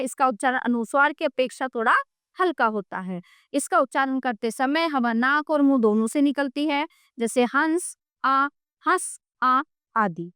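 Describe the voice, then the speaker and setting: A woman's voice: high-pitched, fairly bright tone, no echo, clean studio sound. A woman teaching a grammar lesson, explaining patiently and often checking in with the listener.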